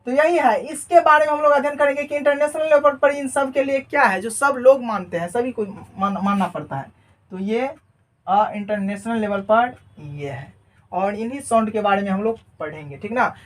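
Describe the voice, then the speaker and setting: Female teacher with a fairly high voice, lecturing at a board; repetitive, quizzing style with constant check-ins. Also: moderate pace. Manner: repeats key words and asks questions she answers herself; often adds a checking "right?" tag. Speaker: English teacher. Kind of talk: classroom lesson explaining phonetics. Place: teaching at a board she writes on and erases.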